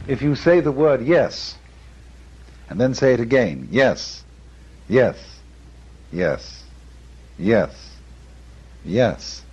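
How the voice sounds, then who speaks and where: A man's voice: medium pitch, a little mellow, breathy edge. A man giving a musing lecture on art and philosophy, chuckling often and breaking off into asides. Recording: dull lo-fi lecture recording.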